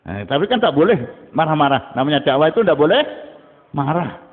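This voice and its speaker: Male preacher, lively sermon delivery, thin phone-like sound with long reverb. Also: quick pace. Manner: animated, rising to high emphatic bursts and dropping low. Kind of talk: dawn sermon.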